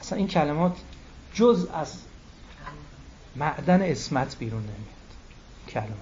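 A man's voice: a little high, animated, a little mellow, slight background noise. A man giving a religious sermon, emphatic, repeating key phrases and quoting Arabic texts. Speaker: cleric. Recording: dull lo-fi recording.

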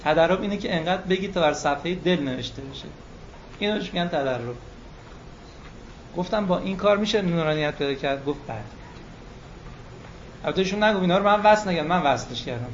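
Man preaching, pretty high voice, animated, slows down and stretches words, kinda muffled lo-fi recording. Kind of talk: religious lecture. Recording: muffled lo-fi recording with faint room noise.

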